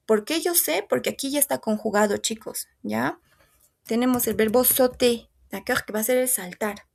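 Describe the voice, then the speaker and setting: A woman teaching French to a class, patiently modelling and repeating every word. Her voice sits a little high and carries a gravelly, creaky edge, and she takes her time. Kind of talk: language lesson.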